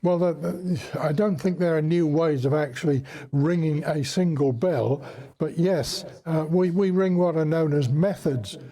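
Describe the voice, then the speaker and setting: An elderly English man, 70s or older, speaks as a bell ringer being interviewed on air, recalling and explaining things in an unscripted way. His voice is a little high and dark in tone, and he's unhurried. He comes across as courteous, formally worded and hesitant.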